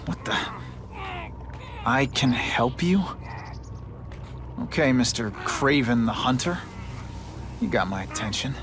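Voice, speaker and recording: An actor playing a cocky young superhero in a video game, delivering quips in an animated manner. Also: male voice, mid-range voice, slow, pauses often, background noise. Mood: cocky, joking. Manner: quippy, animated. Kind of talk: video game cutscene acting. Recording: very loud music behind.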